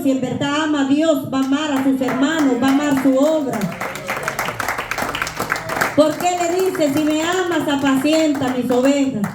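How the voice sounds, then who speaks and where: A woman's voice: high voice, mellow. Earnest woman preaching in an echoey church. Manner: humble, earnest, conversational preaching. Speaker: lay preacher. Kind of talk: sermon. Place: church sanctuary.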